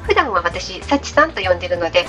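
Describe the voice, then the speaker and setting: A woman's voice: fairly low pitch, very animated, brisk. A woman with a Kansai accent, hosting a casual radio interview over a video call. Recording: video call with faint music.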